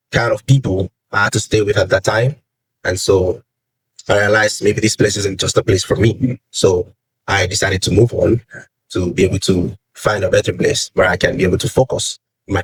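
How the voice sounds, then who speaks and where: A young Nigerian man with a Yoruba accent gives earnest personal advice to the camera in a vlog, repeating phrases for emphasis. His voice sits on the low side with a breathy edge, and the low-quality recording has no room sound.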